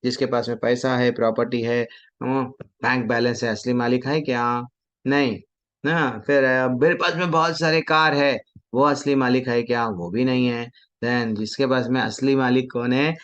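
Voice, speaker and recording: A man preaching from a devotional text. He asks questions, answers them himself, and chants verses slowly. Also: medium pitch, fairly even intonation, a bit bright. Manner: mixes Hindi with English words. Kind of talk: devotional scripture talk. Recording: dull lo-fi sound.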